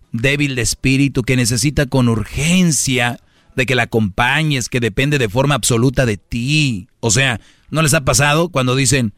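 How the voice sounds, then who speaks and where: A man hosts a radio comedy show, rambling through relationship advice in heavy slang and talking straight to his listeners. His voice sits at a middle pitch, and the sound is dry and close. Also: fairly bright tone, no echo.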